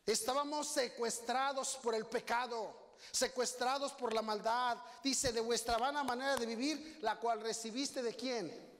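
Mexican preacher, man, folksy sermon style, high voice, long hall reverb. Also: measured pace. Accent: Mexican Spanish. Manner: animated, storytelling with folksy asides to the congregation. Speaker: guest preacher. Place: church sanctuary.

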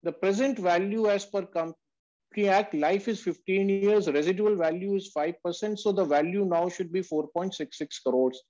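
Teaching valuation on an online group video call, a man speaks at normal speed in a warm, high-pitched voice. He explains emphatically and calls his listeners "sir" across this lecture with questions and answers, and the call audio is dull and lo-fi.

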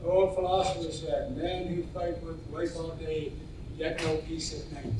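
A man's voice: fairly high pitch, little pitch movement, moderate pace, close to an everyday voice. An older man playing a wisecracking married man at a bar in an amateur stage comedy skit, telling punchline jokes. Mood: joking. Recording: echoey hall, far-off mic, background noise.

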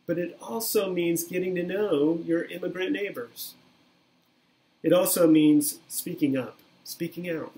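Slow, earnest man preaching from home. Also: fairly high pitch, darkish tone, low-quality recording. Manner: earnest, measured preaching with repeated phrases. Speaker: pastor. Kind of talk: sermon. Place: small plain room indoors. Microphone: webcam at desk, video recording.

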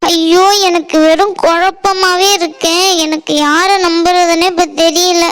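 A woman's voice: very high-pitched, level tone, unhurried, a bit bright. A woman voicing a fretful, suspicious village mother in a cartoon, who scolds and repeats herself when confused. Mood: scolding. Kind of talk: Tamil cartoon voice acting.

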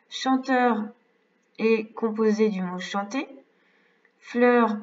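A woman teacher with a French accent, slowly and carefully correcting exercises for young pupils step by step. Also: mid-range voice. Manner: slow, careful, explains step by step. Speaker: primary school teacher. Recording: distant, slightly dull mic.

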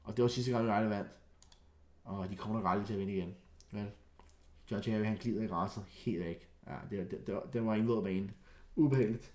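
A young man giving casual, excitable commentary while reacting to football clips, often stammering and restarting, loud outbursts dropping to low muttering. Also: reverberant.

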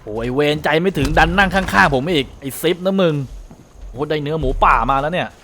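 A young man commentating a video game, talking to his viewers, often shouting and swearing. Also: a little high, expressive, brisk. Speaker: gaming streamer. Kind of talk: excited Let's Play commentary. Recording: game sounds and noise behind.

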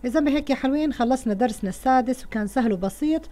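A woman's voice: sits high, very fast, mellow. A woman with a Levantine Arabic accent teaching a first-grade lesson to children, patiently spelling out words sound by sound.

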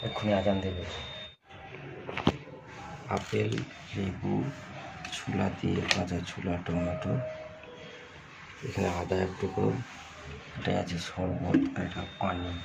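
A man's voice: low-pitched, little pitch movement, slow, gravelly, long pauses, heavy background noise. A man filming a casual family vlog at home, chatting to his viewers as friends while food cooks. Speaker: family vlogger. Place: home kitchen and a shop, indoors.

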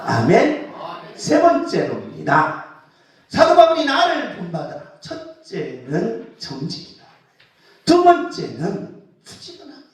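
A man's voice: sits high, huge pitch swings, slow. A male pastor preaching a Sunday sermon. He asks rhetorical questions, repeats key words and uses blunt, folksy phrasing. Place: church sanctuary during Sunday worship. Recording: very echoey hall, distant mic.

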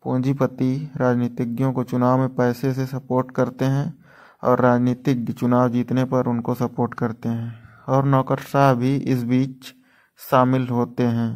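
A man explaining an economics topic in a measured, textbook-like lesson style. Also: mid-range voice, a little mellow. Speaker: educator.

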